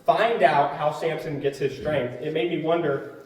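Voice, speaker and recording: A man's voice: fairly high pitch, fairly even intonation, moderate pace. A man casually teaching a Bible study, retelling the story in a conversational, emphatic way with fillers. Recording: echoey room from far off, faint noise.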